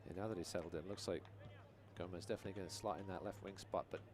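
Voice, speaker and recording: A man provides conversational color commentary for a live soccer game, his low-pitched voice racing along while staying steady in tone. The sounds of an outdoor stadium run behind him.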